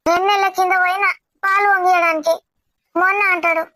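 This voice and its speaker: A whiny young wife begs her husband to let her go home for a week, as a woman acts her out. Her voice sits very high and she keeps pushing, insistent and pleading. The sound is dry, with no room around it. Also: fairly even intonation, brisk, bright, forceful tone, no echo. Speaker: actor in a family comedy drama. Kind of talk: amateur family drama acting.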